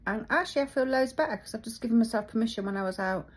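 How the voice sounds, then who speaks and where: A middle-aged woman talking reflectively about her feelings, thoughtful and halting as she searches for words. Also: a little high. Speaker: vlogger. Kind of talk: reflective personal talk.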